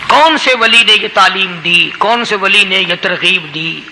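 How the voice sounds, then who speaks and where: A man's voice: high voice, gravelly, slight background noise, rough recording. A man with a Pakistani Urdu accent preaching an Islamic sermon, telling a story with impassioned, rising delivery. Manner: impassioned, rising to loud emotional peaks.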